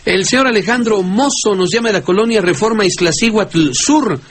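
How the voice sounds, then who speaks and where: A man with a Mexican Spanish accent, hosting a radio call-in show and reading out listeners' questions briskly. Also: high-pitched. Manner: brisk, reads out questions plainly. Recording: old radio recording with faint hiss.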